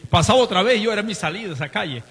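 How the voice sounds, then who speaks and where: A male pastor with a Nicaraguan accent preaching a sermon, telling stories with swings in pitch and volume. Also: lively intonation, rapid-fire, a bit bright, slightly rough. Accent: Nicaraguan Spanish. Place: church. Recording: reverberant church hall.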